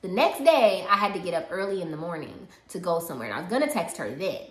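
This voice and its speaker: A woman telling a personal story in casual chat, animated and laughing, acting out the people she quotes. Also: on the low side, quick pace. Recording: roomy echo.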